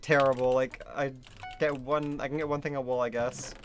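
A man's voice: medium pitch, flat delivery, moderate pace, slight background noise. A man of twenty-two streaming a video game, chatting casually and rambling with lots of fillers. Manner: rambling, filler-heavy, laughs easily. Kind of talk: casual gaming chat. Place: home room.

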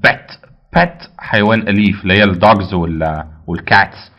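A man's voice: on the low side, a little fast, muffled recording. A man with an Egyptian Arabic accent teaching English vocabulary, repeating each word and answering his own questions. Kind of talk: vocabulary lesson.

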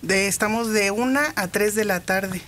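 A Mexican woman in her fifties chats as a guest in a radio studio, speaking gently and pausing often with small fillers. Her voice sits at an ordinary middle pitch, and a faint hiss runs underneath. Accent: Mexican Spanish. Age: 50s. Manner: soft-spoken, hesitant with many fillers. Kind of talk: casual radio interview.

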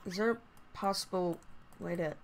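A woman giving casual, rambling gameplay commentary through a voice changer, halting and prone to excited exclamations. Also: medium pitch, slight background noise. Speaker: gaming video host.

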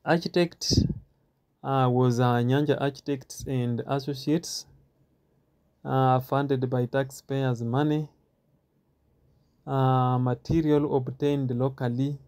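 A man giving a walking stadium tour outdoors, talking haltingly with many filler pauses and repeats, recorded on a handheld phone. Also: medium pitch, steady tone, darkish tone. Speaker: tour guide.

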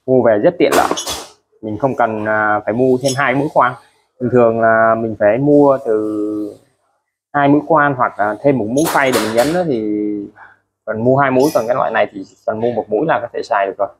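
A man's voice: mid-range voice, brisk. A man walks through his used tools item by item, chatty and repetitive, restating each price. His voice sits in a middle register. A faint noise hums underneath. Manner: chatty, ends phrases with friendly particles. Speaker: used tool seller. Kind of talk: casual product showcase.

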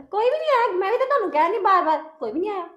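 A woman's voice: very high-pitched, very animated, racing, a bit bright, muffled recording, exaggerated voice. An actress playing a young wife who defends herself and argues back at her husband in a family drama skit. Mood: defensive, hurt. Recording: echoey room with faint music.

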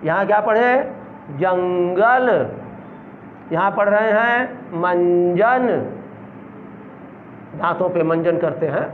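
A middle-aged man leads a reading lesson, his voice set high and his words dragged out very slowly, one syllable at a time. The sound is thin and tinny like a phone line, with a faint hiss behind it. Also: roomy sound. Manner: slow, drawn-out syllable-by-syllable spelling. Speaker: teacher.

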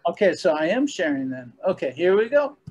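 A man's voice: high-pitched, very animated, a little fast, a little mellow, lo-fi sound. A man hosting a community meeting on a video call, talking casually and restarting his sentences. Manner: hesitant, restarts often. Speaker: host.

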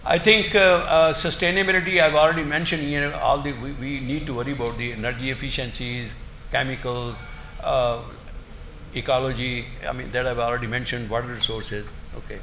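An older man giving an academic lecture in a halting, emphatic way, often repeating his words. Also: mid-range voice, fairly even intonation. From India. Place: indoor lecture room, seated at a desk. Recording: roomy echo, faint background noise.

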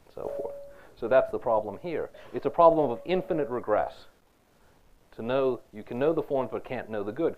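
A man lecturing on philosophy to students in a conversational way, often checking in with "right?" and asking them questions. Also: on the low side. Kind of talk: university lecture. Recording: dull lo-fi lecture recording.

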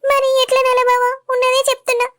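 Woman doing a shrill, sulky young wife. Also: monotone, fast talker, no room sound, studio quality. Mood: hurt, complaining. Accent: Telangana Telugu. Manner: whiny, complaining, pleading. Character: sulky weepy young wife, easily hurt.

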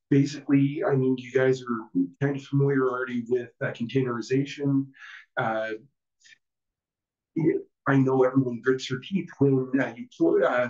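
Man presenting to a small crowd, halting and filler-heavy, self-deprecating, heard from a distance in an echoey room. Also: mid-range voice, a little mellow. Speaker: presenter at a user group meeting. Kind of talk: casual technical presentation. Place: meeting room with an audience. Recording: distant, roomy, dull room recording.

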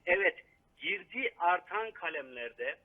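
Council member calling in by phone, high voice, thin phone-band sound, critical and halting. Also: male voice, big pitch swings. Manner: critical, hesitant with frequent fillers. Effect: over the phone. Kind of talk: live phone interview commentary. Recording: tinny phone line.

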